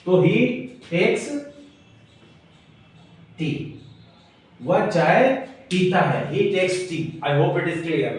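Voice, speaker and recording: A man teaching English grammar in a classroom lesson, explaining step by step, spelling words letter by letter and checking in with his listeners. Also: high-pitched. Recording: very echoey room, mic far off.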